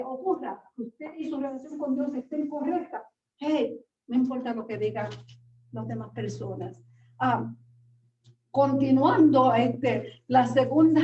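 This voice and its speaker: A woman's voice: high-pitched, dark tone. A woman teaching a baptism class in an earnest, exhorting way, switching between Spanish and English, recorded from a distance with a dull sound. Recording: distant, roomy, dull sound with faint noise.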